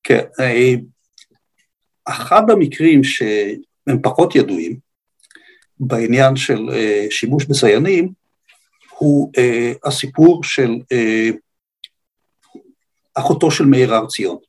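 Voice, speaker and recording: An older kibbutz-raised Israeli man, appearing as a guest, tells a historical story without a script. He sounds animated, with a medium-pitched, slightly husky, accented voice, though his phrases stay halting and deliberate.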